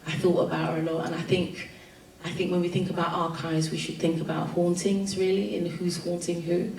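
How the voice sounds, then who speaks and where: Speaking on a festival panel, a woman with a London accent presents in a reflective, informal way, often saying um and restarting. Her low, darkish voice moves briskly with little change in pitch. The distant mic picks up an echoey room and faint room noise.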